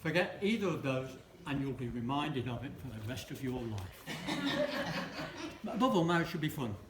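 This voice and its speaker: In a roomy hall with faint background noise, a man in his seventies gives a wedding speech full of dry, self-mocking humour and teasing asides to the couple. His voice is medium in pitch, swings widely up and down, and moves at a normal speed.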